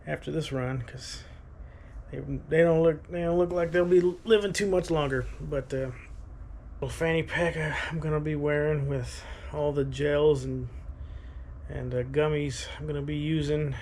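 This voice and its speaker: Casual male vlogger, thirties: gravelly fry, rambling, halting delivery, faint background noise. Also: on the high side, steady tone, darkish tone. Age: 30s. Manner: halting, thinking aloud. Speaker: running vlogger. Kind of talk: casual rambling vlog talk.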